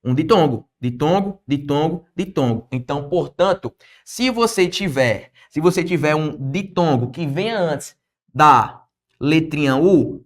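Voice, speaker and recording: A Brazilian man with a fairly high voice leads an exam-prep grammar lesson, close to the mic. He keeps asking the class questions and answers them himself, with a lively, coaching manner. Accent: Brazilian Portuguese. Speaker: teacher.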